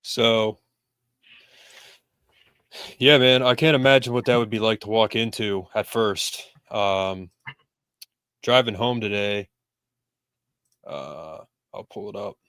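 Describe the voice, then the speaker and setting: Laid-back podcast host, low dry voice. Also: male voice, takes it slowly, long pauses, fairly bright tone, clean tone, dry recording. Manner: rambling, loose, lots of fillers. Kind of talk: casual sports talk.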